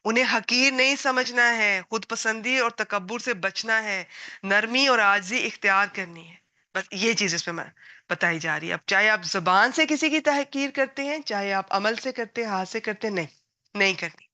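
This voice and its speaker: A woman teaching a Quran lesson to women, gentle and earnest as she gives advice. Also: mid-range voice.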